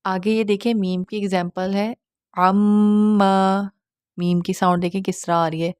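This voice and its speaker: A woman teacher explains recitation rules patiently and checks often that her listeners understand. Her voice sits a little low. The recording is close and dry, with no room sound. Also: steady tone, a little mellow, no echo. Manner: patient, explains step by step, often asks "theek hai?"; demonstrates nasal sounds slowly. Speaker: Quran tajweed teacher. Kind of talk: online lesson.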